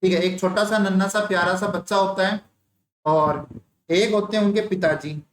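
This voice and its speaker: A man teaches an online nursing exam class, telling a story and quizzing students with repeated questions. His high voice holds a fairly even intonation at a moderate pace, in an echoey room with faint ambience and slight background noise.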